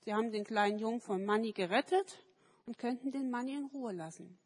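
A woman telling children a story at a service in a slightly high voice, lively and questioning. Her voice carries a long echo from the hall. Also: fairly quick. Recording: echoey hall.

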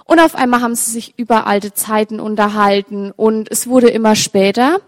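A woman with a fairly high voice tells a story to a young audience, turning to her listeners as she goes. Her voice rings out in a hall with a long, lingering reverb. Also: moderate pace. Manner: lively, direct address to listeners. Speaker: storyteller for children. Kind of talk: telling a story with pictures to an audience.

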